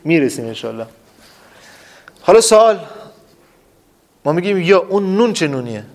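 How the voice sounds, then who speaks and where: A male teacher, his pitch slightly raised, leads a classroom lesson with students present, quizzing the room again and again and often answering his own questions. Very animated and emphatic, he drills key terms aloud with strong emphasis.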